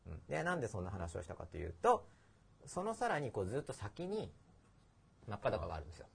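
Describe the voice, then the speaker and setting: A man's voice: on the low side, wildly swooping pitch, fast talker, gravelly, husky. A middle-aged man hosting a casual podcast chat, rambling and poking fun at himself as he explains his ideas. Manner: rambling, self-deprecating, laughs at himself. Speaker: host.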